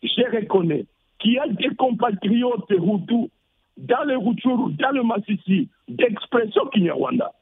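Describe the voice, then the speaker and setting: A high, husky-voiced man speaks in a measured, deliberate way as a parliamentarian in a radio debate. His voice comes through a tinny, dry phone line. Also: lively intonation, no echo. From North Kivu, DR Congo. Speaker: member of parliament, debate guest.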